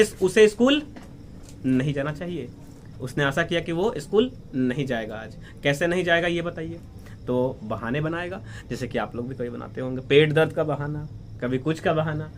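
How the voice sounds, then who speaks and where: A man teaches a story line by line. His voice sits a little high for a man, and he keeps stopping to put questions to his students. A faint hiss runs under the recording. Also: animated. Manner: explains slowly, asks questions and answers them himself. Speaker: English teacher. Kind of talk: line-by-line lesson explanation.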